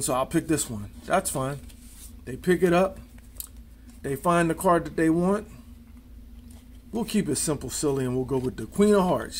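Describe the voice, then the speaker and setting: A man's voice: a little high, slight background noise. A man casually demonstrating card tricks, counting cards aloud in easygoing, folksy showman patter.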